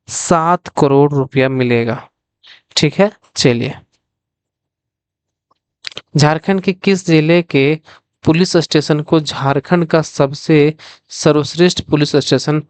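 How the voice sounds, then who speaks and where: Male tutor, mid-pitched, smooth, clear voice, close and dry. Runs a question-and-answer revision lesson and repeats every question. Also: darkish tone, dry recording. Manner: asks the viewers directly, then answers himself. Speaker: exam coaching teacher. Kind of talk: quiz-style revision lesson.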